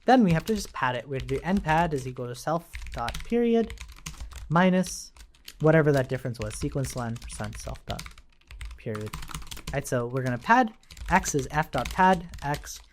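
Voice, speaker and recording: Amid the clatter of a computer keyboard, a programming instructor runs a casual live coding session, talking through his thoughts and regularly checking in with whoever is listening. He sounds very animated, with medium pitch, a moderate pace, and slight background noise.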